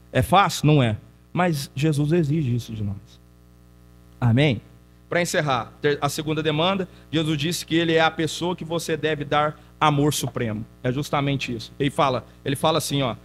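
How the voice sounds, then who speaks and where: A male pastor preaching a teaching sermon in church, telling stories in an animated way and putting questions to the congregation. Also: mid-range voice, slight background noise. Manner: conversational, asks the congregation questions.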